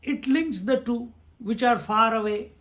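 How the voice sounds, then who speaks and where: A man's voice: extremely high pitch, measured pace, a bit bright. A man giving a spiritual discourse on scripture, repeating phrases and chanting verses. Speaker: swami teaching scripture.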